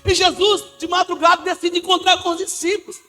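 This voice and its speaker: A man preaching a lively sermon as pastor of a church, with a Brazilian Portuguese accent, joking and acting out the people in his stories. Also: extremely high pitch, a little fast, soft background music. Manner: animated, jokey, acts out the people in his stories.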